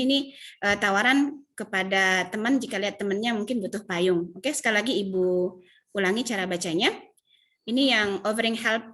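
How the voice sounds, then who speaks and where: A woman's voice: medium pitch, a bit bright. A woman from Indonesia teaching an English lesson over a video call, with an Indonesian accent, patiently repeating English phrases and explaining them. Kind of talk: online class lesson. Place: home.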